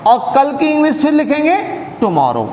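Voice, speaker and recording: A man teaching a classroom English grammar lesson who explains slowly, repeats words and asks the class questions. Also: very high-pitched, wildly swooping pitch, a little mellow, slight background noise. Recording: echoey room with a long reverb.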